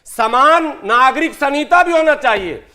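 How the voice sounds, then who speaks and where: A man who is a panelist in a heated TV debate, talking loudly over the others. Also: very high voice, lively intonation, measured pace. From Bihar. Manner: loud, talks over others.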